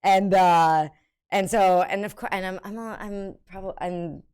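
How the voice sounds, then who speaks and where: A woman's voice: mid-range voice, fairly even intonation, normal speed, darkish tone, smooth. Streamer type: woman with a distinctive, unusual voice, chatty and giggly, loose rambling delivery with frequent ums. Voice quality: unusual voice that startles people. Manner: rambling, giggly, many fillers and restarts. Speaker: livestreamer reacting to videos. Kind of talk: casual chat.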